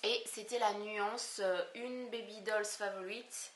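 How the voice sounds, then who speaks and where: A woman's voice: mid-range voice, fairly even intonation, slow, a bit bright. A woman with a Southern French accent chatting through a beauty haul video, hesitant and full of fillers and restarts, recorded on a camcorder microphone at home. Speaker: beauty vlogger. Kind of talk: casual haul video chat. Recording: echoey room on camcorder mic.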